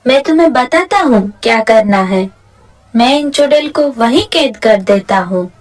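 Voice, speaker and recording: Lady doing a plucky magic boy hero, high voice, bossy and bold. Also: animated, unhurried. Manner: bold, commanding. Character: brave male magical helper boy.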